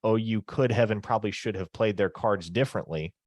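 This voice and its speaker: A man's voice: fairly low pitch, a little fast, darkish tone, dry recording. Articulate man explaining sports recruiting. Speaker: co-host, sports analyst. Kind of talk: casual sports podcast analysis.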